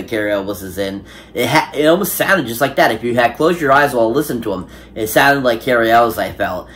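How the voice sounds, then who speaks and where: A man's voice: mid-range voice, fairly bright tone. A man giving a casual spoken film review, enthusiastic and rambling, with many fillers and restarts. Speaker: movie reviewer.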